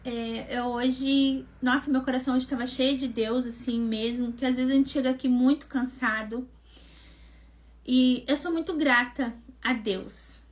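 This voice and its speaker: High-voiced woman telling a testimony. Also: measured pace. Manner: animated storytelling, acting out quoted dialogue; conversational, addresses listeners as gente. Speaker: devotional mentor and host. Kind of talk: testimony in a live online devotional.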